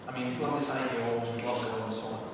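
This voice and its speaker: A man answering questions at a church seminar, telling lively anecdotes and acting out the people in them. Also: mid-range voice, racing. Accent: Scottish. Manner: animated storyteller, acts out shouting quotes. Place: large echoey hall. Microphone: far camera microphone. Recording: echoey hall from far off, noisy.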